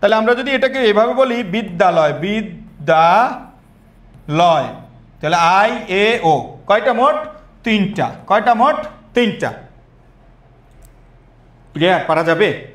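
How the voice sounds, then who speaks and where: A young man teaching an online admission class, energetic and quizzing students with repeated questions. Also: sits high, unhurried, pauses often, reverberant.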